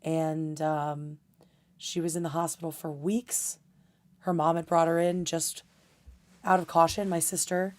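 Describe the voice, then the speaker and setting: A woman's voice: deep voice, little pitch movement, a little slow. A young adult woman hosting a livestream and chatting casually in a loose, rambling way. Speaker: livestream host.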